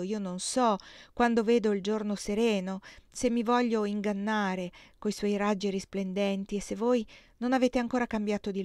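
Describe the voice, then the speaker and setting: A woman reads a passionate young woman in love, pleading and trembling with feeling. The voice sits at a middle pitch and sounds close and dry. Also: darkish tone, no room sound, close to an everyday voice.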